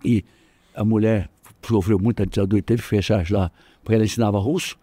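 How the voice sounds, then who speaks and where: An older man with a Brazilian accent, a jiu-jitsu master telling animated stories in an interview, jumping up in pitch when he quotes people. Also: a little fast, breathy edge, no room sound. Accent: Brazilian Portuguese. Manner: animated, acts out quoted voices with jumps in pitch. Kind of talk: storytelling in casual interview.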